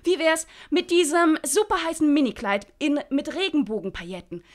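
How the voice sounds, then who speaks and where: A woman's voice: sits high, moderate pace, voice pushed up, natural voice. A woman reading the lines of a trendy, gum-chewing young stylist who gushes about clothes. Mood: gushing. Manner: breezy, enthusiastic.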